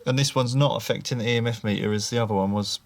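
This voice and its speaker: A man's voice: mid-range voice, steady tone, very fast. A man working as a paranormal investigator, chatting casually while trying out phone apps. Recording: clear background noise.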